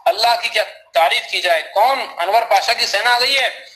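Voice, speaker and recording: A man's voice: high voice, moderate pace, sharp tone, voice pushed up, rough recording. A man reading the part of a rebel leader who speaks in an exultant, boastful voice. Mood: gloating. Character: gloating male rebel leader. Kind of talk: audiobook character voice.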